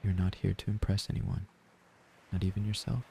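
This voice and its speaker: Soft, low-pitched man guiding sleep meditation. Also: steady tone, normal speed, creaky, slight background noise. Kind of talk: slow, soft-spoken guided sleep meditation. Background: ocean waves and gentle music.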